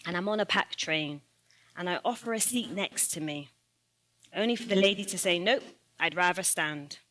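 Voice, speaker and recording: A woman's voice: mid-range voice, moderate pace, fairly bright tone. A woman, an assistant principal, giving an earnest personal speech and building her points with a repeated rhetorical refrain. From United Kingdom.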